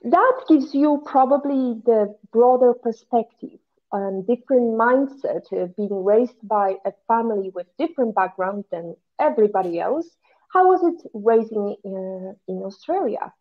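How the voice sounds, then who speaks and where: A woman's voice: on the high side, expressive, unhurried. A woman hosting a podcast, reading a scripted introduction and then interviewing a guest in an earnest, emphatic way. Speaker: podcast host. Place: home office in Malta. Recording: tinny phone-like line.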